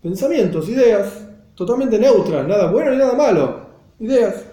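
High-voiced man teaching a class. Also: animated, normal speed, warm tone, reverberant. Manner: explanatory, repeats phrases, mixes in Hebrew and Yiddish terms. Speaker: Torah teacher.

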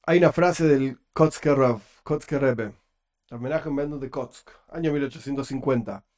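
A man with a Rioplatense Spanish accent teaching a Torah class online, talking quickly with joking asides, into a computer microphone. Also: mid-range voice, a little mellow.

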